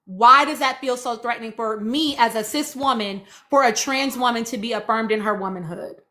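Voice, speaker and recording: Speaking at normal speed, a bright, high-voiced woman runs a live stream where she reads audience comments and responds to them. She talks with strong emphasis, repeating phrases for stress and urging her listeners in impassioned, informal commentary.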